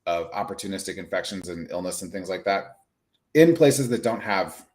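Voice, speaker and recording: Chatty, animated man talking freely. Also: sits low, normal speed. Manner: chatty, animated, lots of "like" asides. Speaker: HIV clinician and advocate. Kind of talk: casual live-stream conversation.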